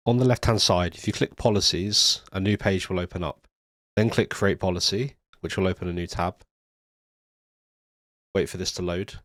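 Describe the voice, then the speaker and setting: Pausing often at a moderate pace, a low-pitched man narrates a coding tutorial over a screen recording, his voice nasal and congested from being ill. He explains methodically with occasional ums into a studio USB microphone, with no echo.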